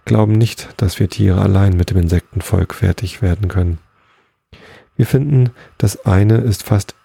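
Man reading as solemn old elk, dark, husky, close and dry. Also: sits low, normal speed, no room sound, heavily acted. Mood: grave. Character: old solemn male elk elders, worried.

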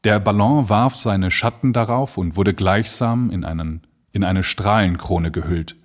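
Husky, expressive male storyteller. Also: low voice, a little slow. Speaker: audiobook narrator. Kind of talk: scripted narration.

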